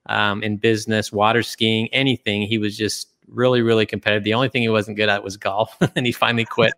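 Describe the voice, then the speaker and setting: A man's voice: fairly low pitch, level tone, fairly bright tone. A middle-aged man from Utah, a guest in an interview, speaking reflectively with frequent restarts. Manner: reflective, halting with many restarts. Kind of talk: casual interview talk.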